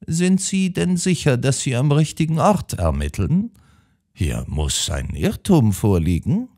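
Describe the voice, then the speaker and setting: A man's voice: mid-range voice, big pitch swings, measured pace, a little mellow, voice pushed up. A man voicing an anxious, timid elderly spinster sister in an audiobook. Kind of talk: audiobook character voice.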